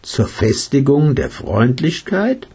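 A guy doing an eager young seeker in a storybook, slow and low-key, soft husky voice. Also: huge pitch swings, heavily acted. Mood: earnest. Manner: eager, questioning. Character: earnest young male seeker asking about meditation.

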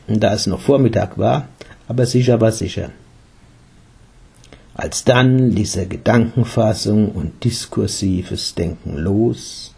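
A man narrating an audiobook in a calm, measured and unhurried way, with a husky voice. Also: on the low side.

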